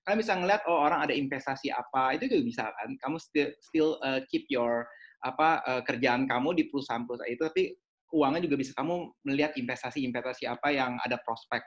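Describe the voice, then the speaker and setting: A man's voice: mid-range voice, quick pace, muffled recording. A man, an education consultant giving chatty advice in a webinar, mixing in English phrases.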